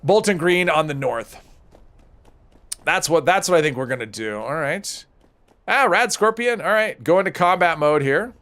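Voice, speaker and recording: This adult American man streams a video game, chatting casually and answering viewers' questions as he plays. His voice sits on the high side and is expressive and a bit bright, at a normal speed. He's chatty, reading chat and responding mid-game.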